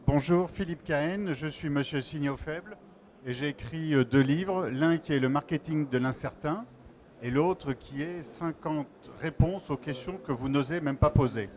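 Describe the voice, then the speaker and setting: A man introducing himself on a panel in a relaxed, self-mocking way. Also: a little high, moderate pace. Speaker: panelist, author.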